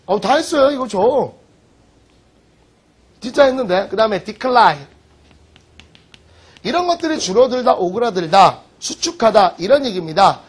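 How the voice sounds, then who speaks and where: A man teaching vocabulary in an online lecture, joking and teasing his students with quick rhetorical questions. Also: high voice, animated, slightly rough. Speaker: English teacher.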